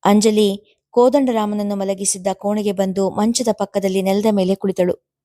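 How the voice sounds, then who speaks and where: A woman narrating a serial story in a steady, unhurried reading voice. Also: medium pitch, no echo.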